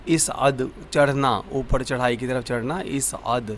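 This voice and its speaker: Man drilling words in a slow lesson. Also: mid-range voice, fairly even intonation, a crowd in the background. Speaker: Arabic teacher. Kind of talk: vocabulary lesson.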